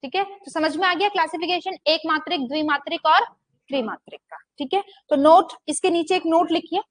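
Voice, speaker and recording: A woman's voice: extremely high pitch, brisk, no room sound. A young woman giving a Hindi grammar lecture, often asking a question and answering it herself, and stretching vowels out to show how long they last. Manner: asks the class questions and answers them herself, repeating "ठीक है". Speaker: Hindi teacher. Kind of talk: classroom lecture.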